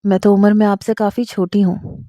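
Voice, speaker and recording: A bold, modern young woman who speaks with easy confidence, as a woman storyteller puts her on. Her voice is mellow and lifted a little, recorded close and dry. It belongs in a romantic storybook reading. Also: mid-range voice, little pitch movement, no room sound, lightly acted. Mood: affectionate. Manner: confident, forward, quick to take offence. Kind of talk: storybook narration.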